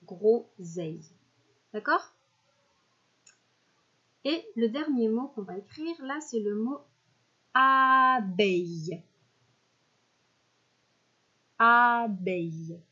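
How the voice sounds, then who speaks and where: Patient woman teacher, slightly husky. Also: sits high, highs cut off. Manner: slow, clear over-articulation of words, patient teacher talk. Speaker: primary school teacher. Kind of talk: recorded spelling dictation lesson.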